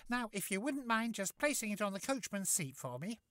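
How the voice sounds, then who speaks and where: A man's voice: high voice, big pitch swings, fairly quick, sharp tone, no echo, clean studio sound, pitched above the performer's own voice, full character voice. A man voicing a cheerful, motherly old fairy who talks in a doting sing-song way.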